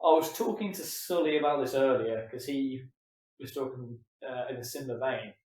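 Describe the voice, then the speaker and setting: A man co-hosting a podcast in casual, animated, swear-filled chat. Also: medium pitch, normal speed, roomy sound. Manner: animated, swears a lot, acts out voices in quotes. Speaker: podcast co-host.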